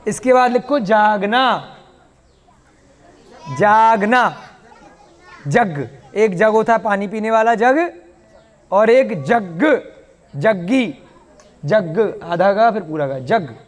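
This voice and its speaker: High-voiced teacher in a reverberant room. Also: male voice, slow pace, pauses often. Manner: patient, explains with questions and playful asides. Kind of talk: online language class.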